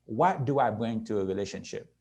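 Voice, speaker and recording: A man's voice: fairly low pitch, animated, brisk, vocal fry, darkish tone. A man in his sixties giving a motivational conference talk to young people, earnest and often checking in with a "right?". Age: 60s. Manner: earnest, repeats "right?" to the audience. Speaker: conference speaker. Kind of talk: motivational presentation.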